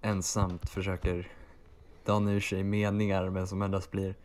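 Male co-host, somewhat low voice, overwrought melodrama for laughs, video call. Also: completely flat delivery, darkish tone. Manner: theatrical, overwrought phrasing. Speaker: podcast co-host. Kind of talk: melodramatic comic chat.

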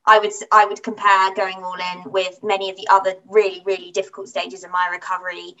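A woman's voice: mid-range voice, flat delivery, fast talker, pushed and bright, far from the mic, poor audio. Candid woman guest, off-mic. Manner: candid and reflective, voices her past thoughts. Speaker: interview guest. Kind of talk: conversational interview.

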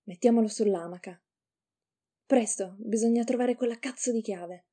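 A woman's voice: on the high side, normal speed, dark tone, close to an everyday voice. A woman voicing a brash, cocky young man who leads his friend, in a read-aloud story. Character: rough young man, cocky, bold ringleader.

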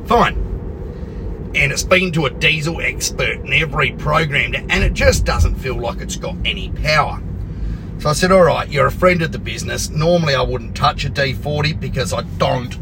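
A man's voice: a little high, moderate pace, background noise. An Australian man telling a casual workshop anecdote, blunt, sweary and sarcastic, acting out the dialogue as he goes. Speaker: car workshop owner and storyteller.

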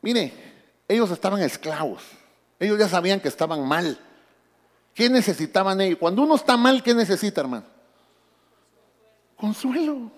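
Animated male pastor preaching in a hall. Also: high-pitched, normal speed, pauses often. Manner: animated preaching, calls out to congregation. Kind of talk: sermon. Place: church.

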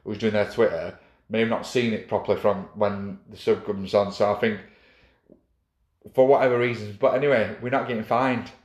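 A man's voice: fairly low pitch, fairly even intonation, highs cut off. Rambling man, echoey room. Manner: rambling, halting with many fillers and restarts. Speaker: club official. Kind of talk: casual chat.

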